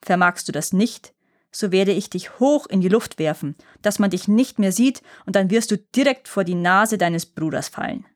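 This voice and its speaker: A woman's voice: medium pitch, normal speed, no room sound, studio quality, lightly acted. A woman reading a fairy tale aloud and voicing a fearsome, scornful flying male troll who sneers and boasts. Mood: gloating.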